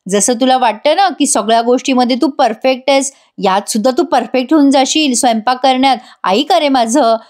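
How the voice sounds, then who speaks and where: A woman's voice: sits high, a little fast, few pauses, darkish tone, close to an everyday voice. A woman voicing a sassy young wife who teases her husband and dodges his questions in chatty, playful talk. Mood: teasing. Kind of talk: acted voice in an episode recap.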